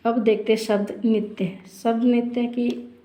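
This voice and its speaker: A woman with a fairly high, mellow voice explains points of Sanskrit grammar in a lecture for exam preparation. She keeps asking herself questions and then answering them. The room around her rings with echo. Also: level tone, measured pace. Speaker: Sanskrit teacher.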